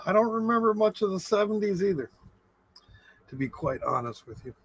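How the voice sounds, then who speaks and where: A man's voice: sits high, sing-song, a little fast, breathy edge, low-quality recording. A middle-aged man chatting casually as a livestream host, with a laid-back, rambling stoner way of talking. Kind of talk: casual chat with livestream viewers.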